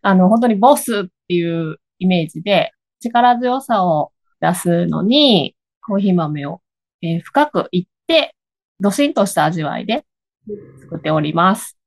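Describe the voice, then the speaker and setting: A woman's voice: fairly low pitch, lively intonation, normal speed, vocal fry. A woman from Osaka with an Osaka accent, explaining things casually in a hesitant way with small self-corrections. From Higashiosaka, Osaka, Japan. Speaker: guest, coffee bean shop owner. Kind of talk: casual interview conversation. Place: at home, on a video call.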